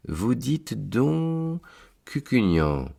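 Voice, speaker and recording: A man's voice: medium pitch, very animated, drawn-out words, vocal fry, dark tone, slightly rough, pitched above the performer's own voice, full character voice. A man voicing a solemn male angel who keeps the great book, speaking formally with a raised voice. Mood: questioning. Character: solemn male angel keeping heaven's ledger.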